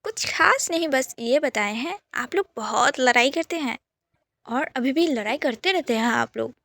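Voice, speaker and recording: Storybook heroine, read by a woman: earnest, stubborn, pleading, high and dry. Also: animated, bright, forceful tone, no echo, full character voice. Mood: earnest, insistent. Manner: earnest, quick pleading insistence. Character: earnest young woman, gentle but stubborn.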